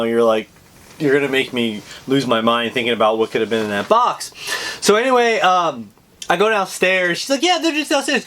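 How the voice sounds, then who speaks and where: A young man, a toy collector, telling a story in an excited, rambling way with lots of fillers and casual swearing. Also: high-pitched.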